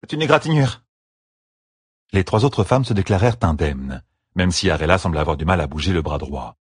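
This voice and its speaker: A man reading an audiobook novel aloud as narrator, in an expressive storytelling manner. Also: low voice, brisk, breathy edge, no echo, clean studio sound. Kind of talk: scripted narration.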